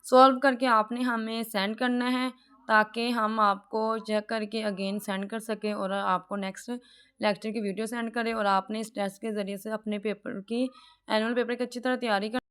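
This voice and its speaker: Teaching an online class, a woman with a smooth, medium-pitched voice explains things step by step. She reads English sentences slowly, then translates them.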